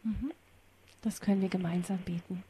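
A woman's voice: medium pitch, fairly even intonation, normal speed, noisy background. A woman hosting a radio interview who speaks in a formal, courteous way. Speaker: radio show host.

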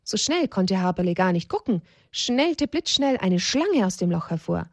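A woman narrating a children's story in a gentle storytelling tone. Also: mid-range voice, big pitch swings, normal speed, dry recording, studio quality.

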